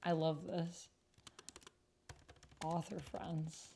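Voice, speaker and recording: Her voice low and mellow with vocal fry, a woman streamer talks very slowly and flatly while hosting a casual livestream of a text roleplay game. She gushes informally, murmuring to herself as she types and reads messages aloud, with keyboard sounds and slight background noise behind her.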